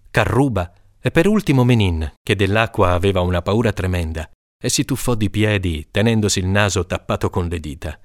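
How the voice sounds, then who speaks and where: Low-voiced man reading a story. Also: no echo, studio quality. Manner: measured, calm reading that lifts into high voices for children's shouts. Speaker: audiobook reader. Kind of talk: literary short story narration.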